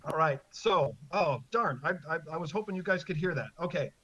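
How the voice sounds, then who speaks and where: Guy game master narrating fantasy rpg, kinda high voice, takes his time, bit lo-fi. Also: lively intonation, a little fast, bright, forceful tone, breathy edge. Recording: slightly muffled, lo-fi.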